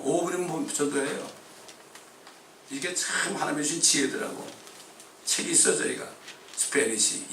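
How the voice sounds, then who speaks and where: A male pastor preaching a sermon in a fervent style, breaking into sudden shouts. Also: medium pitch, creaky, a little hiss or hum. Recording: echoey church hall, distant mic.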